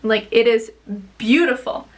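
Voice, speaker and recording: A woman's voice: fairly high pitch, unhurried, far from the mic, rough recording. A young woman vlogger chatting casually as she tells a story, bubbly and gushing, rambling on.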